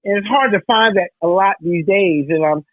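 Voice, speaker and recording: A woman's voice: mid-range voice, normal speed, no room sound. A woman hosting an interview in a casual chat, giving compliments and asking long, rambling questions. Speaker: interview host. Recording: dry phone-like line.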